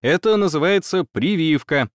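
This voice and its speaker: A man's voice: a little high, expressive, moderate pace, no echo, clean studio sound, pitched above the performer's own voice, close to an everyday voice. A male narrator voicing an earnest, polite war-veteran lord, talking in his own plain voice. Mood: explaining. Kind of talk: audiobook character voice.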